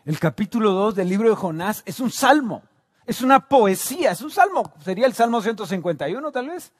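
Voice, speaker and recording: A man with a Guatemalan Spanish accent preaching a sermon, moving from quiet reflection to loud shouted climaxes. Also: high voice, big pitch swings, brisk, dry recording, clean studio sound.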